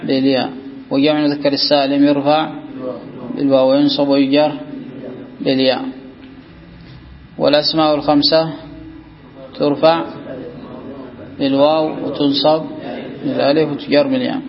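A man's voice: fairly high pitch, flat delivery, moderate pace, pauses often. A man teaching a classroom grammar lesson. He reads a text aloud, then explains it and puts questions to the class. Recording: dull lo-fi recording with faint background noise.

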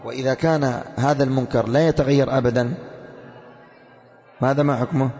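Reading passages of a religious creed slowly to students, a man then explains them, posing rhetorical questions and answering them himself. His voice is medium-pitched and a little mellow. The lo-fi recording carries a long hall reverb.

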